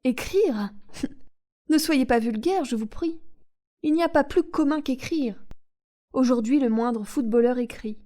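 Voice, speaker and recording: A woman's voice: sits high, moderate pace, dark tone, lightly acted. A woman reading the lines of a scornful, haughty older woman fashion designer in an audiobook. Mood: disdainful. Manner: disdainful, cold.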